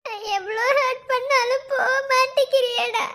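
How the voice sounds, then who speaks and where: A woman's voice: very high voice, fairly even intonation, moderate pace, pushed and bright, heavily acted. A woman voicing a young college woman in a cartoon love story, sobbing and pleading as she pushes her lover away.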